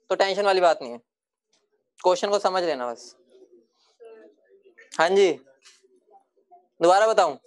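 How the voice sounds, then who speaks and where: A man teaching a chemistry class, casual and repetitive, often telling students to be quiet. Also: sits high. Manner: chatty, repeats himself, hushes the class. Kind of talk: classroom lecture.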